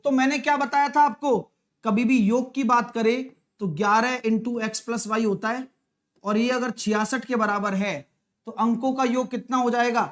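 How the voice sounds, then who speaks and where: Speaking in a very high pitch, a man teaches maths live online to students preparing for exams. He coaxes them along in a conversational way, quizzing them with quick questions again and again.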